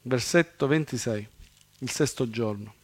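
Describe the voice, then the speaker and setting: A man preaching a sermon, swinging between loud raised quotations and low quick asides. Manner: animated, rises loud on scripture quotes, then drops to asides.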